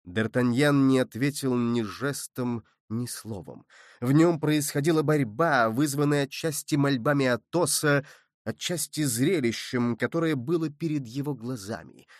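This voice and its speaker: A man reading an audiobook as narrator, in measured, steady storytelling from a close mic. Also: mid-range voice, no echo. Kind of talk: scripted narration.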